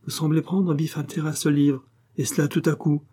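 Male reader doing a bullying, mocking baronet, loud and husky. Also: on the high side, level tone, fairly quick, pitched above the performer's own voice. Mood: sneering. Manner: mocking, commanding. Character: overbearing, sarcastic baronet with booming voice.

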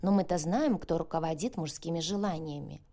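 A woman reading an audiobook, voicing a lively, chatty young woman friend who talks in a bubbly, coaxing way. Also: sits low, fairly quick. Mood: playful. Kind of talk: audiobook character voice.

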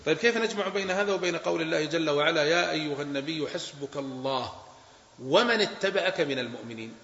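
A man teaching a religious creed lesson, emphatic and fast with quick asides. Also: on the high side, a bit bright. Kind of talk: religious lesson with student questions. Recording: echoey hall, muffled, light hiss.

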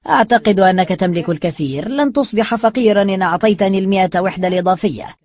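A reader voicing a sly, greedy man who taunts and talks down to others, in a raised, louder voice. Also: mid-range voice, very fast, close to an everyday voice. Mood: smug. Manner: taunting, smug and condescending.

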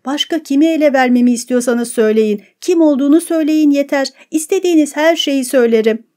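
A woman voicing a gaunt, terrified male prisoner who pleads and shouts frantically. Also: high voice, quick pace, voice pushed up, close to an everyday voice. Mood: desperate pleading.

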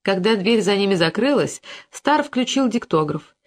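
An audiobook narrator reading literary prose in a measured, expressive way. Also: mid-range voice.

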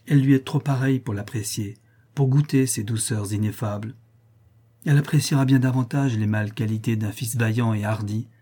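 A man's voice: mid-range voice, warm tone, husky, natural voice. A man voicing a grieving, melancholy prince in an audiobook reading, speaking solemnly and sorrowfully. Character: grieving middle-aged prince, noble and melancholy.

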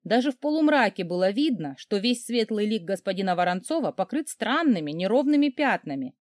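Woman narrator for comic romance, wry and animated, mid pitch, dry booth sound. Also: no room sound. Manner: wry, theatrical, quick mood swings in quoted lines. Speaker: audiobook reader.

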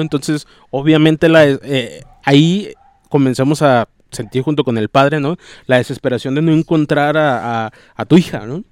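A man's voice: medium pitch, no room sound. A man with a Mexican accent casually retelling a novel's plot, rambling and tagging nearly every phrase with a question. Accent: Mexican Spanish. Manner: slangy and informal. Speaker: book discussion host.

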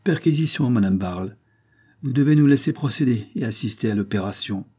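A man's voice: mid-range voice, expressive, brisk, warm tone, breathy edge. A man reading a tough police commissioner in an audiobook, speaking in a cutting, commanding tone. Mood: curt.

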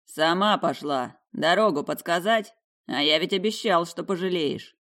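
A woman voicing a rude young male necromancer who drawls his insults slowly. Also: lowish voice, a bit bright. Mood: sneering. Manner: slow, sneering, contemptuous.

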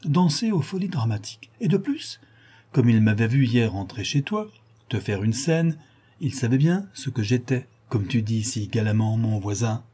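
A man's voice: medium pitch, expressive, moderate pace, mellow, slightly rough. A man voicing a scornful, vengeful young woman, an ex-model, mocking and menacing. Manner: mocking, then bitter and menacing.

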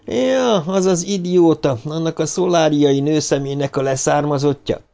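A man's voice: on the high side, vocal fry, warm tone, voice pushed up. An aging, haughty male head of an institute, as a male audiobook reader puts him on. He speaks in clipped, dismissive questions. The voice sits well above the narrator's own register. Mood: curt.

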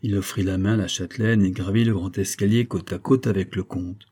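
A man narrates a classic novella in a measured, dramatic audiobook reading. His voice sits low and dark, with a mellow warmth. The grain is husky throughout. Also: fairly even intonation.

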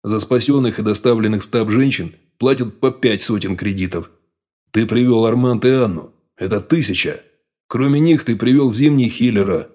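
Brief: growling mutant sage, low, calm, read by a man. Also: natural voice. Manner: calm, unhurried. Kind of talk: audiobook character voice.

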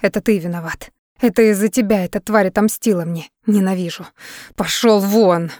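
A young mother torn apart by grief, her voice pleading and then lashing out, as a woman reads her in an audiobook. The read stays at a middle pitch, close and dry. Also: a little fast, no room sound, lightly acted. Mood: frantic. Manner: desperate, pleading, then furious.

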